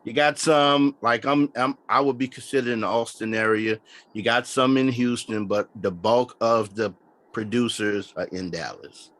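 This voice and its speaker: A man's voice: mid-range voice, normal speed, dry recording. A man from Memphis, chatting as a guest producer on a podcast and often restarting his sentences. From Memphis, Tennessee, US. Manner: relaxed, frequent restarts and "you know what I'm saying". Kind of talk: casual podcast interview chat.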